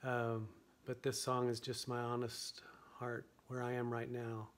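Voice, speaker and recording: Seated at a piano at home, an older man speaks into a stand microphone, quietly and earnestly teaching the camera about a worship song he wrote. His mid-range voice is hoarse and weakened after surgery, monotone, and unhurried.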